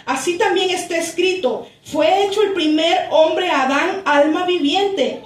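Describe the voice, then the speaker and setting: Slow, high-voiced woman preaching in an echoey church. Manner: slow, deliberate reading that stretches key words, with asides to the congregation. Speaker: pastor. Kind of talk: sermon, reading and explaining scripture. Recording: echoey church room, voice from a distance.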